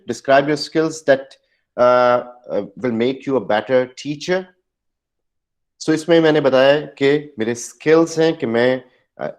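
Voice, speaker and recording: A man teaching English interview skills at a slow, deliberate pace. He moves between explanation and model answers, pressing on key words with careful stress. His voice sits at an ordinary middle pitch. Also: a little mellow. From Pakistan. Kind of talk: recorded lesson, mixing Hindi-Urdu and English.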